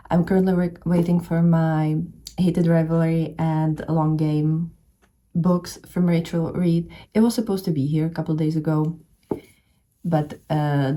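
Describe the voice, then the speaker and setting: A young Czech woman with a Czech accent chats casually about what she plans to read in a book vlog, filmed by a camera that shows only her hands. Her voice is low and very mellow, and she rambles with lots of fillers and restarts.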